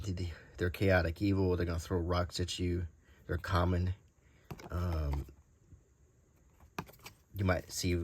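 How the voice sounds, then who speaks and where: A middle-aged or older man with a deep voice hosts a hobby collecting channel, thinking aloud as he rambles through casual, unscripted show-and-tell. There's slight background noise behind him.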